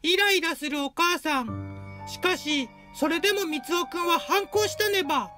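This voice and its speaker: A woman's voice: very high-pitched, normal speed, pushed and bright. A woman voicing a cheerful cutesy mascot who narrates short stories and tacks a cute verbal tic onto every sentence. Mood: upbeat. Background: light background music.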